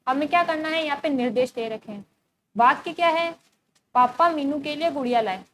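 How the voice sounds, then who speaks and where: High-pitched woman teacher, patient step-by-step lesson, faint hiss behind. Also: fairly quick, a bit bright. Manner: explains step by step, asks and answers her own questions. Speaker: school teacher. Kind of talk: recorded classroom lesson. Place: school.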